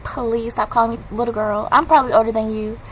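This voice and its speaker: A woman in her twenties venting in a casual video blog, ranting in an animated, slangy way. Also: a little high, fast talker, a little hiss or hum, poor audio. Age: 20s. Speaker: vlogger. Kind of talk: casual chat.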